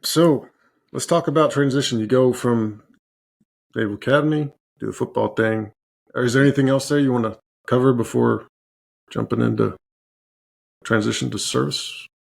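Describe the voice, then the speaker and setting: A podcast host, a man with a gravelly voice at a middle pitch. He keeps his remarks short and encouraging while he steers the interview. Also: normal speed, pauses often. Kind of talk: casual interview.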